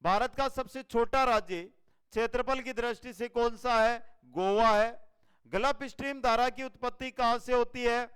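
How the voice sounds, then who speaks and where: A man with a Rajasthani Hindi accent, an online exam-prep teacher running a fast quiz-style lesson, energetic and repeating each answer for his viewers. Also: extremely high pitch, clear, resonant tone.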